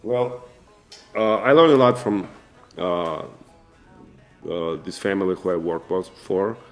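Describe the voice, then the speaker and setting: A man in his forties with a Russian accent, telling his own story to camera in an earnest, halting way with many fillers and restarts. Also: low voice, soft background music. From former Soviet Union. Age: 40s. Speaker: vlogger and businessman. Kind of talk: casual personal storytelling to camera.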